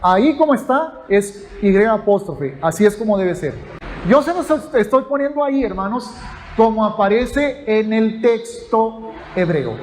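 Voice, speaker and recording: Walking his listeners through a sermon step by step, a pastor explains carefully, addresses them as brothers, and keeps asking "ok?". He speaks at a measured pace in a high-pitched, expressive voice, with slight background noise.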